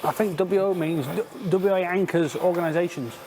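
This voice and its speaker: A man's voice: sits high, fairly even intonation, normal speed, background noise. A man guiding a friend through a slate mine, explaining features with dry jokes. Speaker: mine guide. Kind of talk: casual chat. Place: inside a large slate mine.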